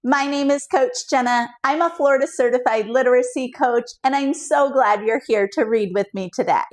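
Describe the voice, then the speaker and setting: Woman, children's reading coach, bright higher voice, sing-song. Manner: slow, clear, sing-song teaching to young children. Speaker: literacy coach.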